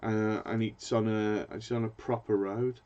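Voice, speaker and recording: A man's voice: on the low side, flat delivery, a little slow, darkish tone. A British man hosting a fishing channel, chatting casually in a live stream and rambling as he hunts for words. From Britain. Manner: rambling, hesitant, searches for words. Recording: dull lo-fi sound.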